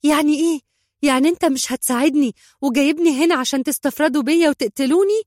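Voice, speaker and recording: Woman playing terrified desperate wife, high and shrill, panicky, dry sound. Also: rapid-fire, a little mellow, no room sound, natural voice. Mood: panicked. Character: frantic frightened woman wanting husband dead.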